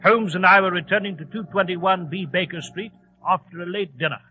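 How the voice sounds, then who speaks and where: An actor playing Doctor Watson, an earnest, easily flustered English gentleman with a British accent, in 1940s radio drama style. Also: sits high, brisk, slight background noise, close to an everyday voice. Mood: storytelling. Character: Doctor Watson, excitable, fretful English gentleman and loyal companion. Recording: muffled, narrow-band old radio recording.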